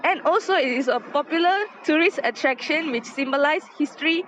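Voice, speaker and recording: High-voiced young woman, dull lo-fi audio. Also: expressive, a little fast, fairly bright tone, slight background noise. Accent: Malaysian. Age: young adult. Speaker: student presenter. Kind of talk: school presentation.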